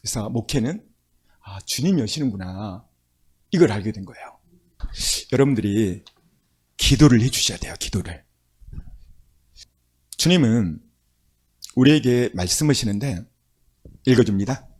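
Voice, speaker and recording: A man's voice: lowish voice, animated, measured pace, pauses often, darkish tone, husky. A male pastor preaching a sermon, telling stories with emphatic, rising exclamations.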